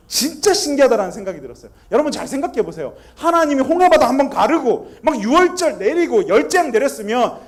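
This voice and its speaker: A pastor, a man in his thirties, delivers his sermon in a strikingly high voice that swings widely up and down. He tells stories from home, acting out the family's lines, and keeps putting questions to the congregation. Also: darkish tone. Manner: storytelling, acting out family dialogue.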